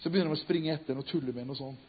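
A man's voice: on the high side, slightly rough. Impassioned Norwegian-speaking male preacher, tinny sound. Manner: builds to loud emphatic cries, then drops to hushed tones. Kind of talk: sermon storytelling.

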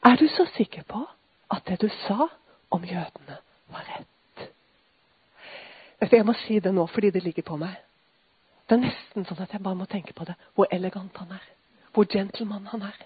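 A woman's voice: medium pitch, slightly rough, dry recording. Woman, earnest testimony, emotional, sometimes whispering, tinny phone-like sound. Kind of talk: personal testimony.

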